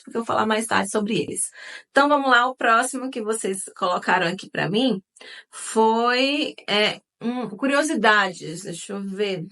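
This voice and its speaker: A woman's voice: a little high, a bit bright. A woman hosting her own book channel, chatting casually with viewers and using lots of fillers. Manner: chatty, many fillers, addresses viewers as "gente".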